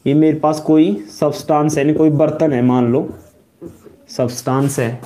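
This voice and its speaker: Rajasthani-accented male lecturer, higher voice, drilling terms by repetition, classroom at the board. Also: steady tone, moderate pace, warm tone. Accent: Rajasthani-tinged Hindi. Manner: repetitive call-and-response questioning, calls students "beta". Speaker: college chemistry lecturer.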